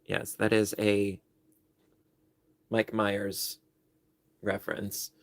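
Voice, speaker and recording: Drawing out his words in a monotone, the man speaks with a fairly low, creaky voice and no echo around him. He's a livestream host from New York with the local accent, joking about himself as he rambles casually.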